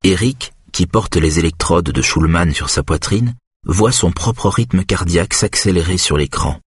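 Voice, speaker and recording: Husky low-voiced male narrator. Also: no room sound, studio quality. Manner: steady, measured storytelling. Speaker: audiobook narrator. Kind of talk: scripted narration.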